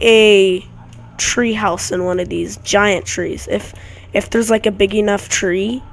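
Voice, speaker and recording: Gaming woman chatting to viewers as she plays, rambling and restarting, animated with a touch of gravel, faint noise behind. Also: mid-range voice. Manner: rambling, self-correcting, chatty asides to viewers. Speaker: gaming YouTuber. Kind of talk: casual gameplay commentary. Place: home room with dogs nearby. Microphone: desk mic near a clicky keyboard.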